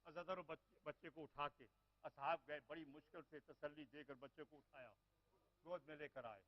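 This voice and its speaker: A man preaching an impassioned mourning sermon to a gathering of mourners. He moves between hushed, sorrowful narration and wailing cries, and draws out his lamenting phrases. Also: a little high, fairly even intonation. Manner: addresses the mourners directly, drawing out lamenting phrases. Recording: dull, lo-fi sermon recording.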